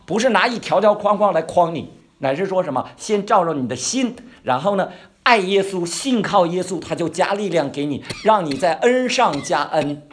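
Animated man preaching. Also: sits high. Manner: asks the listeners questions and waits for answers; emphatic, draws out key words slowly. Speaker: pastor or Bible teacher. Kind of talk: conversational Bible-study sermon.

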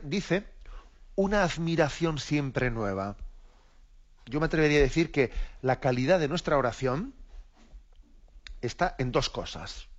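A man's voice: medium pitch, muffled recording. A man from Spain, a bishop, explaining the catechism in a radio lesson, reflective and repeating his words as he goes.

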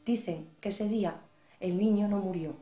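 A woman storyteller Galicia, telling a folk tale in a lively, expressive way. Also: mid-range voice, normal speed. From Galicia, Spain. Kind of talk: oral storytelling. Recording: echoey room.

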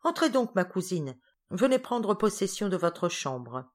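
A woman voicing a calm, courteous gentleman who speaks politely and soothingly. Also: medium pitch, a little slow.

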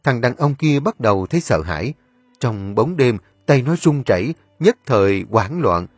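Husky dramatic male storyteller. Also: medium pitch, very animated, moderate pace, no echo. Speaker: narrator. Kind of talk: scripted story narration.

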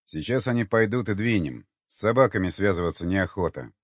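A man's voice: deep voice, lively intonation, fairly quick, breathy edge, dry recording. A man voicing a weary, blunt expedition leader who talks with sarcastic exasperation. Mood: exasperated. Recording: dull lo-fi dry recording.

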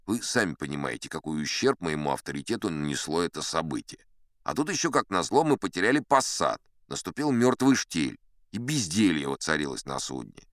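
An actor playing a pompous old sea captain, telling tall tales in a theatrical audiobook style with chatty asides. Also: male voice, a bass voice, big pitch swings, fairly quick, a bit bright, no echo, clean studio sound, full character voice. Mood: pompous, wry. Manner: pompous, conversational asides to a young listener. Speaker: audiobook performer narrating as a character. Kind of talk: theatrical first-person storytelling from an adventure audiobook.

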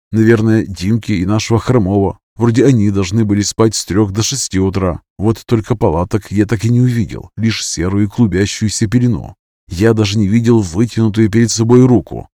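A man narrating a first-person story in a measured, even way. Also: lowish voice, no echo, studio quality. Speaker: audiobook narrator.

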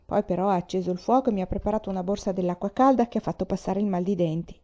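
A woman's voice: medium pitch, racing, dark tone, lo-fi sound, close to an everyday voice. A woman reading aloud, voicing a sensitive, dreamy young boy who fears pain, in a plaintive, pleading way.

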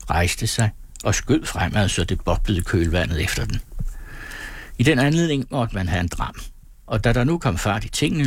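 Low, husky male audiobook narrator. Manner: measured, storytelling. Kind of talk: scripted narration.

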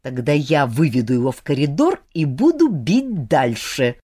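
A woman's voice: deep voice, sing-song, normal speed, warm tone, breathy edge, voice pushed down, heavily acted. A woman voicing a proud, hot-tempered young man who speaks curtly and bluntly. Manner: curt and blunt.

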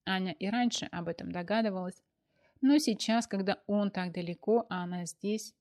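A woman with a mid-range voice narrates an audiobook at a moderate pace, telling the story in a lively, expressive way.

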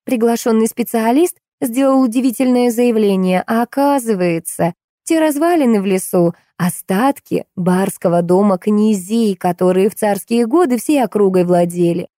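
Mellow woman narrating a novel. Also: medium pitch, normal speed, no room sound, studio quality. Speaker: audiobook narrator. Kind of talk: first-person novel narration.

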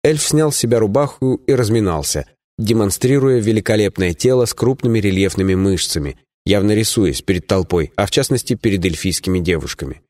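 A man's voice: on the low side, animated, fairly quick, a little mellow, dry recording, clean studio sound. A man reading a fantasy novel aloud in first person, plainly and evenly, with small voice changes for the dialogue. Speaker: audiobook narrator. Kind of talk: first-person audiobook narration.

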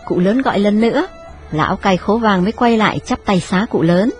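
Một người phụ nữ kể truyện đọc, giọng đều đặn, giọng miền Trung. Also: female voice, mid-range voice, a little fast, faint music behind. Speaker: narrator. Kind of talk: audiobook narration.

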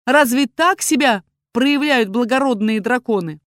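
A woman with a mid-range, somewhat dark voice speaks at a normal pace, sounding close to how she'd talk every day. In a dry audiobook recording, she plays a proud young woman who furiously defends her parents before a dragon lord, her voice raised and indignant.

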